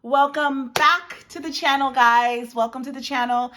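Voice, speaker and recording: A Washington, D.C. realtor in her forties talks casually to camera about the market from her dining room, next to a windy patio. Her high voice has a steady, sharp tone and a measured pace, with a little hiss or hum. She's emphatic, repeats phrases, and calls viewers "guys."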